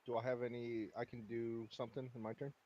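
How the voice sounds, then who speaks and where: A man's voice: medium pitch, level tone, fast, lo-fi sound, a little hiss or hum. A man playing a tabletop game, playful and full of questions about the rules. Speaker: player. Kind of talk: casual tabletop game chat.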